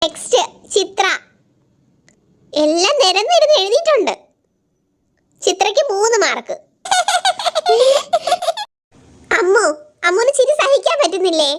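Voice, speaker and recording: A woman's voice: very high-pitched, sing-song, moderate pace, pauses often. A woman voicing a strict, scolding female schoolteacher in a homemade doll play. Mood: bossy. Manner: stern, scolding, threatens to cane.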